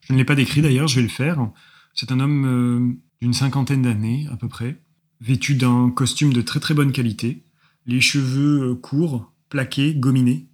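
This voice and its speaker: A man runs a tabletop role-playing game as game master, describing the scene for his players. His voice is husky and slightly breathy, and he narrates with frequent hesitations and fillers. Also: mid-range voice, steady tone, moderate pace.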